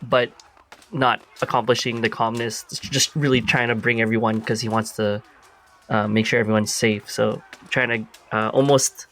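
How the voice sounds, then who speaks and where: A man's voice: mid-range voice, flat delivery, normal speed, a bit bright. A man playing a tabletop game, describing his character's actions in a rambling way. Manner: rambling, frequent "like". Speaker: player. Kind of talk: in-character narration.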